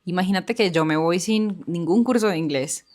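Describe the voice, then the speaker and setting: A woman's voice: lowish voice, normal speed, darkish tone. A woman co-hosting a podcast, earnestly telling her own experience and speaking directly to the listener. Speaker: podcast co-host. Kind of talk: personal storytelling chat.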